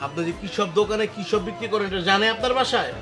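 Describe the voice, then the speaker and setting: A man's voice: high-pitched, animated, rapid-fire, over music. An actor playing a cheeky young man who jokes with a shopkeeper and grows jealous on a date. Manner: cheeky, bantering.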